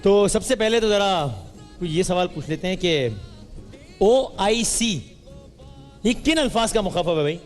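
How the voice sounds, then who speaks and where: A man hosting a live studio quiz, teasing and bantering quickly with the audience. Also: high voice, expressive. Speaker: game show host. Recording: roomy hall with music and crowd.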